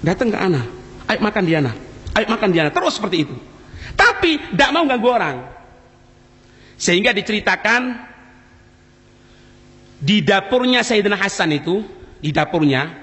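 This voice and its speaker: A man's voice: high voice, fairly bright tone. A man preaching a mosque sermon who quotes Arabic, explains it, repeats key phrases and speaks straight to his listeners. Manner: addresses listeners directly. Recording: echoey mosque hall.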